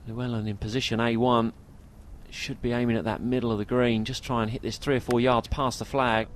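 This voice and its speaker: A man's voice: mid-range voice, little pitch movement, a little fast, slight background noise. A man giving golf commentary, analysing each shot of a tournament.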